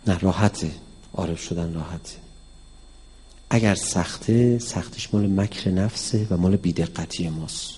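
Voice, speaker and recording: A man giving a religious lecture on mysticism to an audience, speaking in a lively way and acting out the dialogue he quotes. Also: sits low, husky. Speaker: cleric teaching mysticism. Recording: long hall reverb.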